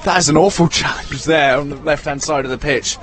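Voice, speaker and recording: A man's voice: on the high side, fairly quick, fairly bright tone, faint music behind. A man commentating live on a football match from an outdoor ground. He talks in a chatty, running way and often corrects himself when he gets player names wrong.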